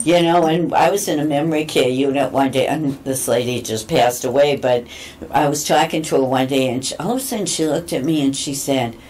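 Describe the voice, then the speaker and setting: A woman guest on a talk show telling rambling, animated stories about her visits. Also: very deep voice, brisk, a little hiss or hum, rough recording. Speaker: guest, cat therapy visitor. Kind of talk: casual interview chat.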